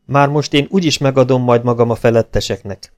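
Man voicing a brash legion captain, blunt, lecturing, audiobook, mid-pitched. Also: fairly even intonation, close to an everyday voice. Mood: frank.

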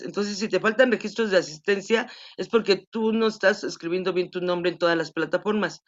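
A woman teacher patiently explaining class rules to students during an online class, repeating points to make them clear. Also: medium pitch. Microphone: video call. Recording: dull lo-fi video call audio.

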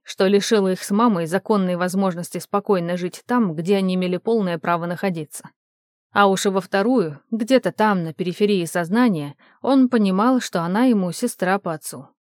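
A woman's voice: mid-range voice, brisk, a little mellow, no echo. Woman reading an audiobook, dry sound. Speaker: audiobook narrator.

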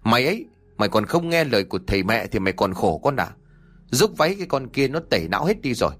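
A man's voice: medium pitch, big pitch swings, quick pace, a bit bright. A man voicing an old village mother who scolds her son in long, shrieking tirades. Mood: scheming.

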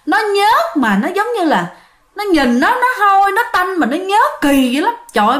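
A woman with a Southern Vietnamese accent telling ghost stories in a chatty way, often addressing her listeners directly. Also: high voice. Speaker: ghost story narrator. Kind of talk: casual storytelling of listener-sent ghost stories.

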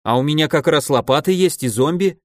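A man's voice: a little high, a little fast, dry recording, studio quality, close to an everyday voice. A man voicing a cheeky, self-assured young man who teases in a businesslike manner. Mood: teasing. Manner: teasing, businesslike.

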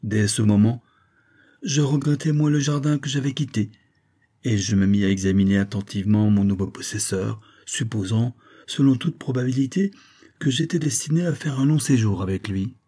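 A man reading a classic short story aloud as an audiobook, in a measured storytelling manner. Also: medium pitch, mellow, slightly rough. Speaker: audiobook reader. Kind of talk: scripted literary narration.

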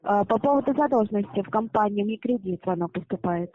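A woman's voice: mid-range voice, expressive, fast. A woman debt collection agent speaking with formal, scripted customer-service politeness over a phone line. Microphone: telephone. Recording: muffled narrowband phone line.

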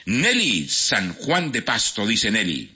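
A man hosting a radio quiz, rattling off listener answers with quick verdicts in casual banter. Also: fairly low pitch, wildly swooping pitch, bright, forceful tone, slightly rough. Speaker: radio host. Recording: dull lo-fi radio broadcast.

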